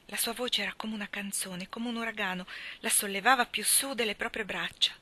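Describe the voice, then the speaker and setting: Female literary reader: measured, expressive narration with soft whispered passages, bright voice. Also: medium pitch. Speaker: reader of stories. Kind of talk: literary reading.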